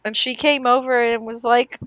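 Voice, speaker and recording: A woman's voice: a little high, fairly even intonation, normal speed, fairly bright tone, no echo, rough recording. A woman in casual podcast chat, telling stories in a chatty way with many fillers. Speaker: podcast co-host.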